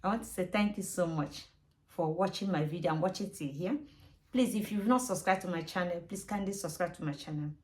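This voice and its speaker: A woman talking to camera in a casual vlog, giving relationship advice in an earnest, repetitive, gently persuasive way. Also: fairly low pitch, a little fast, low-quality recording. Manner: looks away from camera while talking.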